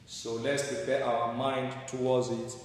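A man's voice: medium pitch, little pitch movement, measured pace, distant mic. A man stands at a pulpit microphone, exhorting a congregation with repetitive phrases and questions. His voice rings through a large, echoing hall with a long reverb tail. He sounds set back from the mic, with faint room ambience underneath. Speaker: pastor leading morning prayer. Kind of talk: exhortation and prayer.

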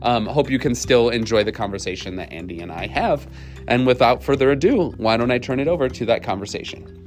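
A man's voice: mid-range voice, expressive, fairly quick, over music. A man in his thirties hosting a faith podcast over a video call, with a friendly manner and many ums and uhs. His audio is muffled, as if he were talking through a tunnel. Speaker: podcast host. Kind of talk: casual faith podcast chat.

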